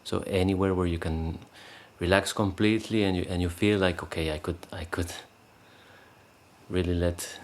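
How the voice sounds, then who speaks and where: A man leading a guided meditation, speaking calmly and unhurriedly with many pauses, fillers and restarts. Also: low voice, slight background noise. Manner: calm, unhurried, pausing often with fillers and restarts. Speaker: meditation teacher. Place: meditation space in Costa Rica.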